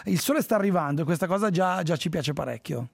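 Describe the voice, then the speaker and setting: A man's voice: on the high side, animated, quick pace, vocal fry, slightly rough. A man hosting a live radio show, chatty and jokey as he links segments. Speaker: radio host. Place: radio studio.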